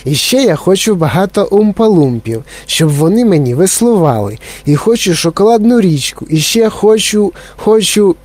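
A man's voice: high voice, expressive, normal speed, a little mellow, voice pushed up. A man voicing a spoiled, demanding little girl who whines insistently, in a storybook reading. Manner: whiny and insistent.

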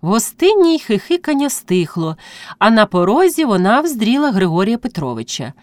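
A woman narrating classic prose as an audiobook reading, with expressive storytelling. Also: fairly high pitch, moderate pace, no echo, studio quality.

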